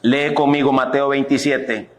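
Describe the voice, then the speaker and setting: A male pastor preaching an impassioned sermon, swinging between loud peaks and quiet drops. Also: mid-range voice, little pitch movement, unhurried. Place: church. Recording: echoey church hall.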